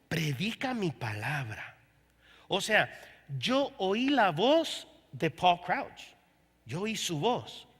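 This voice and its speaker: A man's voice: sits high, sharp tone. A man preaching a sermon as pastor, telling his story with quoted dialogue. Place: church service. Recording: long hall reverb from a church room.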